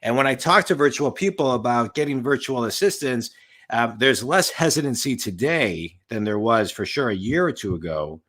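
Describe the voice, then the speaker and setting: A man in his late forties, a podcast host and business coach, runs a casual interview chat over a video call from his home office. He talks emphatically and ramblingly, repeating his points, in a mid-range, fairly bright voice with lively intonation and a moderate pace.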